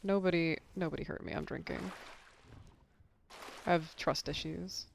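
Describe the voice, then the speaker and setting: Over poor audio with slight background noise, a young adult streamer speaks at a moderate pace in a steady, mid-range voice with vocal fry. They're gaming live and chatting loosely with viewers, rambling, swearing now and then, and going hoarse.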